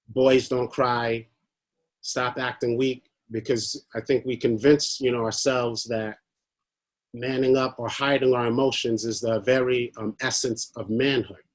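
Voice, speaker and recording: Man from Haiti, guest speaker on a video call; hesitant, filler-heavy, mid-pitched. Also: dry recording. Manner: hesitant, many fillers, a little nervous. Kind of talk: prepared talk on a video call.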